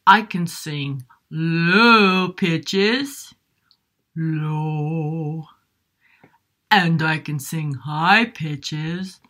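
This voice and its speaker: A woman's voice: fairly low pitch, expressive, extremely slow, hardly any pauses, pushed and bright, full character voice. A woman voicing a friendly, playful young wolf who helps out in a children's music class, sometimes howling. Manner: playful, with howls. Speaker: music teacher's character. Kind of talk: puppet-style music lesson.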